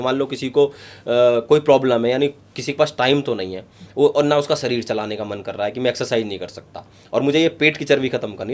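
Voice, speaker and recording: A man, a yoga guru, explaining breathing exercises step by step in an interview, emphatic and repetitive. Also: medium pitch. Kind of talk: instructive interview talk.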